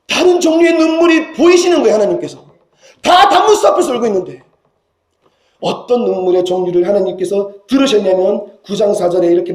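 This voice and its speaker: A senior pastor delivers a sermon in a high, fervent voice, dropping to hushed pleading and rising to loud cries. The recording has the roomy echo of a church sanctuary.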